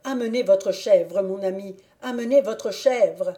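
An eager young male hunting valet from a storybook reading, as a woman acts him out, bossy and loud in his exclamations. His voice sits a touch above the reader's own, mellow and dark in tone. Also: mid-range voice, a little slow, lightly acted. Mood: excited.

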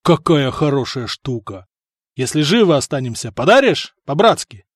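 Brash male sea-raider read by a man: loud, gleeful, high-pitched, dry close audiobook sound. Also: big pitch swings, normal speed, no room sound. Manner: loud, gleeful, mocking banter.

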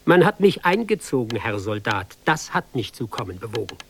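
A man's voice: mid-range voice, very animated, moderate pace, gravelly, slight background noise. An actor playing a hapless young army recruit, reciting his tale in ironic, sing-song rhyme for a radio play. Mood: sardonic.

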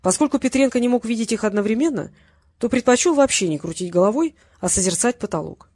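A reader narrating a crime novel in an even, measured way. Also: mid-range voice. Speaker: audiobook reader. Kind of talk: scripted narration.

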